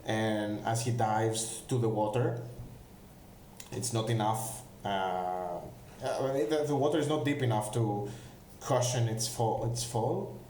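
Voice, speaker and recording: A man narrates as game master of a tabletop game, slow and full of fillers and restarts. His voice sits mid-pitch. The room around him is echoey, with faint ambience behind. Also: darkish tone, a little hiss or hum. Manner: halting, many fillers and restarts.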